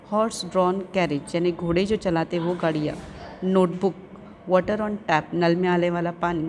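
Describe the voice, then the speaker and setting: A woman's voice: fairly low pitch, a little mellow, a little hiss or hum. A woman teacher with an Urdu-speaking Indian accent, explaining an English lesson and carefully sounding out English words, repeating each one.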